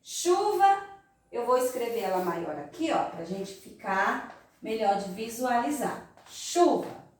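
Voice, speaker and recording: A Brazilian woman teaching young children in a slow, sing-song voice, recorded in an echoey room from some distance. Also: mid-range voice, slight background noise. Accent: Brazilian Portuguese. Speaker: primary school teacher. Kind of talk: recorded remote class lesson.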